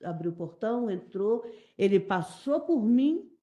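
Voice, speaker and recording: A middle-aged Brazilian woman giving halting, repetitive, emotional testimony as a witness in a courtroom. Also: mid-range voice, very animated, dark tone. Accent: Brazilian Portuguese. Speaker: witness testifying in a jury trial.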